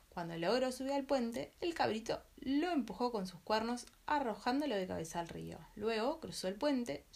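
A woman storyteller narrating a folk tale as a gentle, expressive bedtime story. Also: fairly high pitch, vocal fry.

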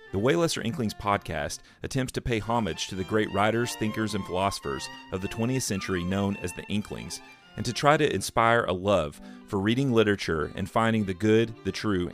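Deep-voiced man co-hosting a podcast. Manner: relaxed, rambling, with restarts. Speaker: podcast co-host. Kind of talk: casual podcast chat and book reading.

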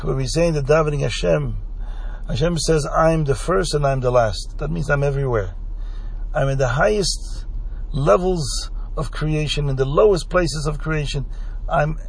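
A man from Belgium telling a Chassidic story in an unhurried way, glossing Hebrew terms in English as he goes. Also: fairly high pitch, gravelly, husky.

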